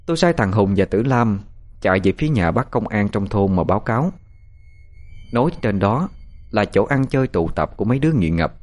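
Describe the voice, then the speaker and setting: A man narrating a spooky story in an expressive, dramatic way. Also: on the low side, brisk, faint music behind. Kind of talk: narrated audio horror story.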